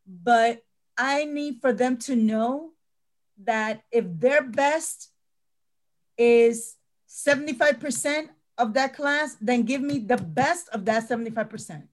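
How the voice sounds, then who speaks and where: A woman's voice: fairly high pitch, slow. A middle-aged woman teacher talking earnestly in a panel discussion, often repeating words as she stresses a point.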